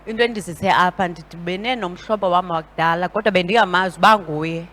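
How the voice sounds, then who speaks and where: A woman's voice: lowish voice, fast, fairly bright tone. A woman with a Xhosa accent telling her story spontaneously as a church visitor giving testimony.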